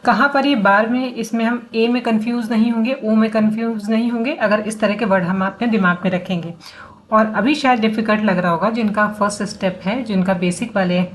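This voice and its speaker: A woman teaching English phonics in a lesson. She breaks words into syllables, sounds them out letter by letter and corrects herself as she goes. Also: medium pitch. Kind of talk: classroom-style lesson explaining syllables. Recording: faint background noise.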